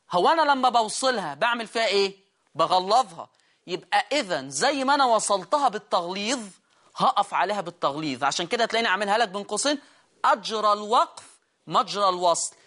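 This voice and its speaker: An Egyptian man leads a recitation lesson. He keeps questioning his students, answering himself and repeating key words. He slows down to sound out each word. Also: high voice, sharp tone. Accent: Egyptian Arabic. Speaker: Quran recitation teacher. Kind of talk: lesson explaining recitation rules.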